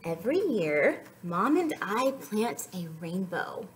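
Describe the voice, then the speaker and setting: There's slight background noise as a young woman reads to young children, her mid-range voice slow and sing-song. Animated throughout, she draws the listeners in with questions as she hosts story time.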